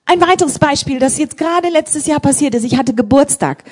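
A woman preaching a sermon in a church service, telling testimonies in an animated, emphatic way and rising to loud appeals. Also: high voice, a little fast.

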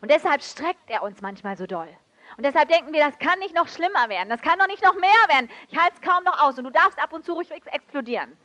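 A woman preaching a sermon with emotive swings between loud outbursts and soft, hushed passages. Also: high-pitched, lively intonation, fast, highs cut off. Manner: switches briefly into English.

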